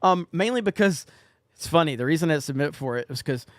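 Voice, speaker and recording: A man's voice: on the high side, expressive, fast talker, no room sound, studio quality. A man hosting a livestream show, talking loosely over a video call on a blown-out, clipping, distorted mic. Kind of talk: casual chat on a live video call. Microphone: computer mic over a video call.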